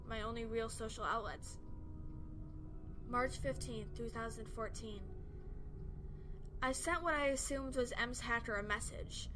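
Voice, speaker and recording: A woman reading a scripted first-person horror story as its narrator. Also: on the high side.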